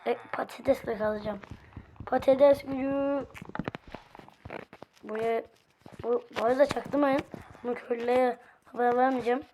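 A woman with a hoarse voice giving casual game commentary, chatting to her viewers and to the game's characters as she plays. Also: a little high, fairly even intonation, normal speed, pauses often, warm tone, slight background noise. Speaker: gameplay video host.

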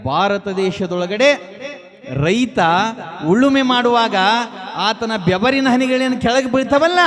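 A man, telling folk tales on stage, repeating lines and quizzing the audience. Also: high voice. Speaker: folk humorist speaker.

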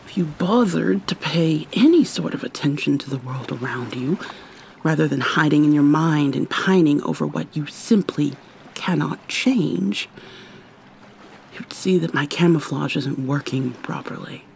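A woman's voice: low-pitched, creaky, a little mellow, a little hiss or hum. A woman playing an irritable, haughty but secretly caring vampire mermaid in an ASMR roleplay, sardonic and formal with exasperated sighs.

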